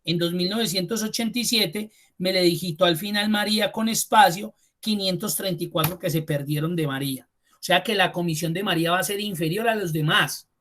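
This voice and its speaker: A man teaching a spreadsheet class online. He repeats key terms slowly for emphasis and speaks to the students directly and informally. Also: high voice, a bit bright. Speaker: computer course instructor.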